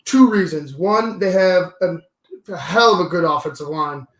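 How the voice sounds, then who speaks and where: A man's voice: high-pitched, moderate pace, fairly bright tone, roomy sound. A hungover man with a slight headache hosting a casual sports podcast.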